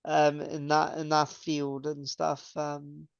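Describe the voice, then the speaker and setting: A young man co-hosts a metal podcast in casual chat, rambling slowly with plenty of fillers and restarts. His slightly high voice has a gravelly yet smooth edge, delivered completely flat. The dry, dull recording sounds like a lo-fi podcast mic.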